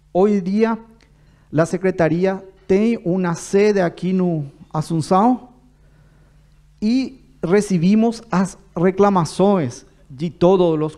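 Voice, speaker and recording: A man's voice: sits high, mellow. A man with a Paraguayan Spanish accent, a native Spanish speaker, giving a formal public address as an official in a mix of Portuguese and Spanish. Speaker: government official giving a talk.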